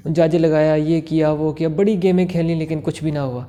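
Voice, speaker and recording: A man hosting his own channel, giving political commentary in a measured, steady delivery. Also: on the high side. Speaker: YouTube channel host.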